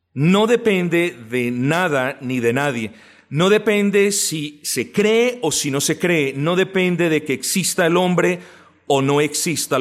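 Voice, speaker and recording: A man preaching a doctrinal sermon, asking and answering his own questions and drawing out key words slowly for emphasis. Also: a little high. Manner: addresses listeners as brothers, asks and answers own questions. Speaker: pastor teaching doctrine. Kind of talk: sermon teaching.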